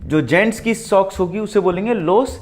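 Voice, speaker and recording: Male language teacher, casual classroom delivery, stretches out each vocab word and spells it aloud, faint music underneath. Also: sits high. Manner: slow, drawn-out repetition of foreign words; spells words out letter by letter. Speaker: Spanish teacher. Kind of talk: beginner language lesson at a whiteboard.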